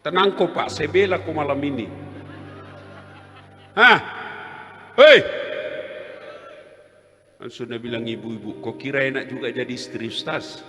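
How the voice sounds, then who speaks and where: A man's voice: mid-range voice, measured pace, pauses often. A man preaching a comic sermon, teasing and calling out to his audience. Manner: teasing, animated, addresses the audience directly. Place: large hall with an audience. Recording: reverberant hall with music behind.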